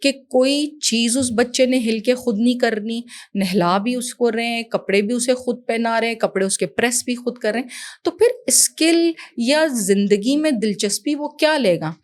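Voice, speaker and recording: A woman in her fifties from Pakistan, an education professional talking as a guest in an interview, animated and motherly, slipping English phrases into her speech. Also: on the high side. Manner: animated, mixes in English phrases, calls the host "son". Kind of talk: casual interview conversation.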